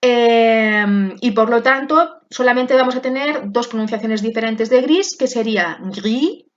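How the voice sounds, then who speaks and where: A woman teacher explains pronunciation at a very slow, careful pace and repeats each word several times. Her voice sits a little high. The recording is dull and lo-fi. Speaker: French teacher. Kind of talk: classroom lesson explanation.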